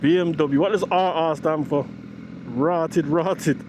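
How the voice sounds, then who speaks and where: A British man giving slangy, excitable, off-the-cuff commentary while riding a motorcycle, with wind on the mic. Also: a little high, moderate pace. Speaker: motorcycle vlogger. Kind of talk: casual riding commentary, thinking aloud. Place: outdoors, riding a motorcycle on the road. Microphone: action camera microphone while riding. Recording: wind and engine noise on mic. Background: motorcycle engine and traffic noise.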